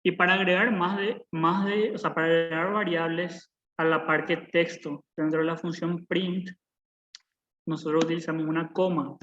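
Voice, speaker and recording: A man's voice: on the high side, flat delivery, moderate pace, fairly bright tone, highs cut off, a little hiss or hum. A young man in his twenties teaching a live online programming class, patient and repetitive, often checking in with his students. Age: 20s. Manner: patient, repeats points, checks in with "¿verdad?". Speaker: programming instructor. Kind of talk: live online coding lesson. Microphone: video call.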